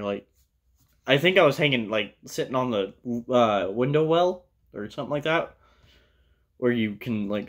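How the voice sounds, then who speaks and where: A young adult American man with a medium pitch rambles through a personal story for his vlog, speaking to camera in a small indoor room with a bare wall. He's loose, profane and halting as he talks.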